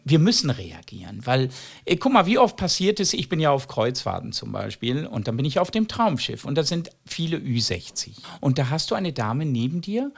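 A man, a comedian and magician, telling anecdotes in an interview in an animated, lively way. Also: medium pitch, normal speed, vocal fry, few pauses.

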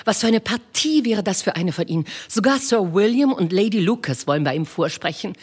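A woman reading aloud and voicing a fussy, excitable middle-aged mother of five daughters, talking in an eager, insistent way. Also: medium pitch, a little fast, breathy edge, voice pushed up. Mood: pleading. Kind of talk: audiobook reading.

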